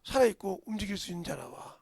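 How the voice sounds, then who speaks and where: A middle-aged male pastor preaching a sermon in a church, dropping to whispers and bursting into shouts. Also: high voice, fast, vocal fry, no room sound, clean studio sound. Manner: swings from hushed whispers to sudden shouts. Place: church sanctuary.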